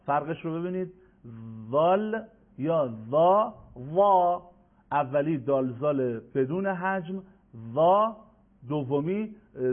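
A man gives a radio lesson on recitation, walking through each point step by step. He stretches out syllables to show how they should sound, in a somewhat high voice that comes through a narrow, phone-like broadcast line. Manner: explains step by step, stretches out sounds to demonstrate them. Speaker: Quran recitation teacher.

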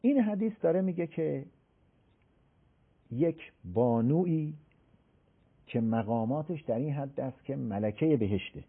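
Guy explaining a religious text, voice swings all over, acts out the quotes, bit husky, sounds tinny like a phone line. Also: medium pitch. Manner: animated, acts out the people he quotes; recites Arabic scripture slowly. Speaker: religious scholar explaining hadith. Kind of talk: religious discussion in an interview.

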